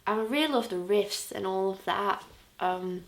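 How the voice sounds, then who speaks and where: In her year-in-review vlog, this young Scouse-accented woman, a vlogger who also interviews musicians, talks in a chatty, enthusiastic way with lots of fillers. She speaks at a medium pitch and a normal speed.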